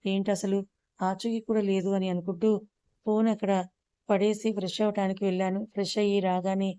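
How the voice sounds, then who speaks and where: A woman narrating a first-person audio story in an even, measured way. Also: mid-range voice, clear, resonant tone, no echo, studio quality.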